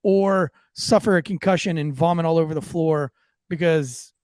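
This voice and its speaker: A male podcast co-host keeps things loose with jokes and swearing, and his sponsor ad read is full of restarts. His fairly high voice has a darkish tone and a moderate pace. The recording is clean studio sound without any room sound.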